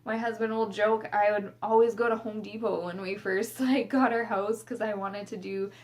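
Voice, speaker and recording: A young adult woman talking to camera in a personal vlog, halting and tearful, often restarting her words. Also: medium pitch, steady tone. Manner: halting, repeats words and restarts, near tears. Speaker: vlogger.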